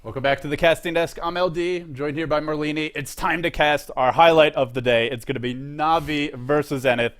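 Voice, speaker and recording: A man casting a live esports match, chatty and energetic, tired after staying up all night. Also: fairly high pitch, brisk, hardly any pauses. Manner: energetic, chatty, self-correcting. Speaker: esports caster. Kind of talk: live game commentary.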